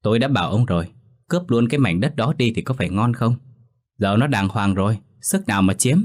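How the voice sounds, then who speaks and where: Man putting on scheming middle-aged wife, snarling, scolding, raised pitch, slightly loud, ghost story reading. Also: expressive, a little fast. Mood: furious.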